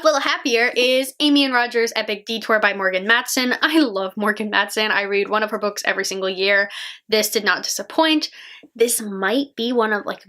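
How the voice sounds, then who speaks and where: A woman's voice: a little high, sharp tone. A young woman chatting casually about her favorite books, gushing and peppering her talk with "like". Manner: gushing and chatty, heavy use of "like". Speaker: book vlogger. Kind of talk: casual book review vlog.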